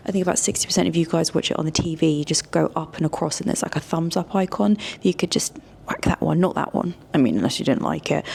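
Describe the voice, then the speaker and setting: Chatty woman with a gravelly low voice. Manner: chatty and candid, drops into soft near-whispered asides. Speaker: hotel and food reviewer, channel host. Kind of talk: casual review vlog. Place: hotel room, indoors. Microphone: small wireless clip-on mic.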